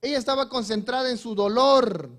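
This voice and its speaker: In a very high voice, a male preacher works through his sermon by raising questions for the congregation and answering them himself. His delivery swings between soft and slow and loud and emphatic.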